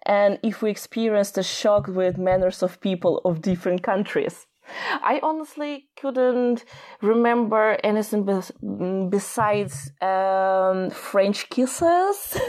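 Young Russian-accented woman, mid-pitched podcast chat. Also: a little mellow. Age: 20s. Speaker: podcast co-host. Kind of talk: casual conversational chat.

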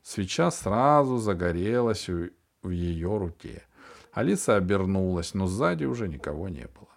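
Male audiobook reader with a low, gravelly voice, dramatic and suspenseful delivery. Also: sing-song. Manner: dramatic storytelling, slowing and dropping low on suspenseful phrases. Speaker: audiobook narrator. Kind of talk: scripted narration of a children's sci-fi novel.

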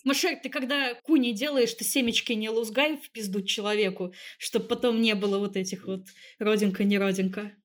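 A woman chatting as a podcast co-host in a medium-pitched voice. Her r comes out burred, close to a w. She is frank and swears freely in a casual, comedic style. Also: steady tone, fairly quick, hardly any pauses. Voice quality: says w-like sound for r (burred r).

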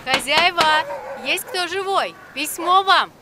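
A village postwoman in an audio drama, calling out in a very high, drawn-out voice. Loud music plays behind her. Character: village mail carrier calling at a house.

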